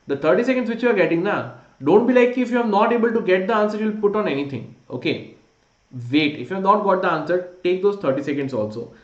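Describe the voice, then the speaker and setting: Indian guy teaching an online class quiz, kinda high voice, urging students along, echoey and a bit muffled. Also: expressive, quick pace. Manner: informal, urging, mixes Hindi phrases into English. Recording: dull, roomy, echoey sound.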